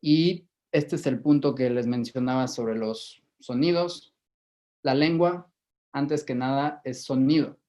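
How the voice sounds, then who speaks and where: A man with a Mexican Spanish accent giving a measured lecture to a live audience, often repeating words while he thinks. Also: mid-range voice, darkish tone. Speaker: guest lecturer. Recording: dull lo-fi recording.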